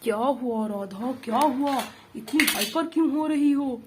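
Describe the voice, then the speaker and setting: A woman voicing a calm, easygoing father doll in a doll play story, relaxed and reassuring. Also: sits high, a little slow, noisy background.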